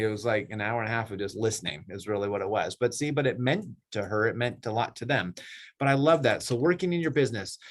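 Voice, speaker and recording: A middle-aged man leading a team meeting, coaching real estate agents in a rambling, animated way, often acting out clients in a raised voice. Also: mid-range voice. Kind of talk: casual coaching talk.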